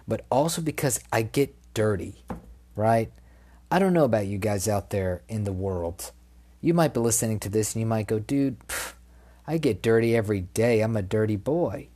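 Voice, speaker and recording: Young male podcast host, somewhat low voice, tired and drowsy, casual slangy delivery with swearing. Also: darkish tone. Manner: laid-back, slangy and profane, joking asides.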